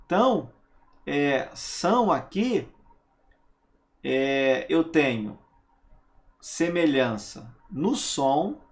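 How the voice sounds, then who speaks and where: A man teaching a grammar lesson, stressing single words and asking rhetorical questions to check understanding. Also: a little high.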